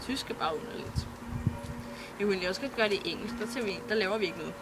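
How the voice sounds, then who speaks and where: At home at her computer, a teenage girl vlogger rambles casually to her webcam, giggling and swearing offhandedly. Her medium-pitched voice competes with loud background music on a poor-quality recording.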